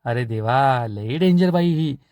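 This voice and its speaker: A man's voice: medium pitch, lively intonation, a little slow, darkish tone, smooth, no echo. A man doing a bossy, teasing young woman. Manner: teasing, insistent. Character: pushy young bride, woman, playful and bossy.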